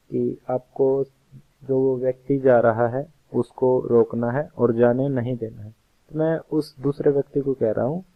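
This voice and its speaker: A male teacher explaining a computer science lesson slowly and patiently, often rephrasing the same point. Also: mid-range voice. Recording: tinny phone-like audio.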